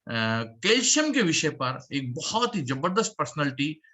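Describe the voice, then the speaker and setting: A man presenting a work-from-home opportunity meeting, speaking in an upbeat salesman's pitch with emphatic repetition and calling for applause. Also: big pitch swings, unhurried, bright, forceful tone.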